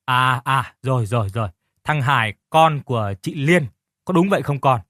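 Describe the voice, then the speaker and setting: Gruff old village man, narrator doing him, bossy, scolds a lot, dry sound. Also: medium pitch, moderate pace, fairly bright tone, dry recording, lightly acted. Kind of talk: audiobook character reading.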